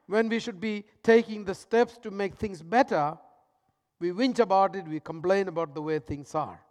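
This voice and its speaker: A man preaching a sermon as pastor, swinging between loud emphatic lines and hushed, soft ones. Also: high-pitched, moderate pace, long reverb tail.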